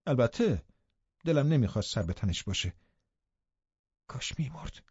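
A man's voice: mid-range voice, very animated, darkish tone, slightly rough, dry recording, dull audio. A man narrating a classic novel in first person as an audiobook, reading expressively and dramatically.

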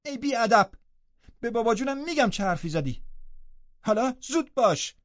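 A man's voice: fairly high pitch, very animated, dark tone, dry recording, voice pushed up. A haughty, spoiled young girl, as a male reader puts her on in an audiobook, with a raised, bossy voice. She snaps orders indignantly and slips into tearful upset. The recording sounds slightly muffled. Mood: imperious. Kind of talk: audiobook character voice.

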